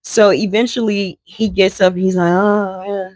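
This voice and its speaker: A woman's voice: mid-range voice, fairly even intonation, normal speed, a little mellow, dry recording. A woman vlogger telling an emotional true story, talking casually to her viewers. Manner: conversational, addresses viewers as y'all.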